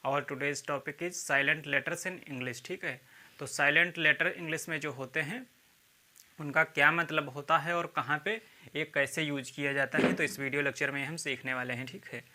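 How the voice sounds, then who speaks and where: A man's voice: on the high side, steady tone, moderate pace, sharp tone. A man giving a video lecture on English spelling, spelling words out letter by letter and checking in with "theek hai" after each point. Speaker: English teacher.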